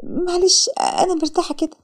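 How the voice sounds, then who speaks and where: A woman's voice: very high-pitched, steady tone, a little fast, voice pushed up. A woman voicing a frightened, poor young woman with an Egyptian accent, pleading and tearful in a storybook narration. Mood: grateful. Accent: Egyptian Arabic.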